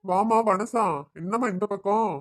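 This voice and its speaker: A woman voicing a gentle, hospitable village man in a family cartoon. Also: mid-range voice, steady tone, measured pace, close to an everyday voice. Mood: kindly. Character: kindly older village brother figure, man.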